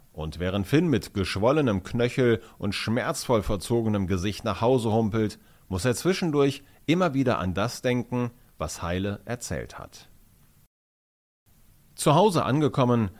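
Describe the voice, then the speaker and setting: A man narrating a children's audiobook in an animated, expressive storytelling manner. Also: on the low side.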